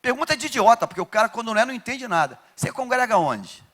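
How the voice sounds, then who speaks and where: Um pastor de Rio de pregando um sermão com fervor, chamando a congregação a responder e subindo a voz em gritos. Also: male voice, extremely high pitch, lively intonation, very fast. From Brazil. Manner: fervent preaching, rising to shouts, call-and-response with the congregation. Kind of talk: sermon. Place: church.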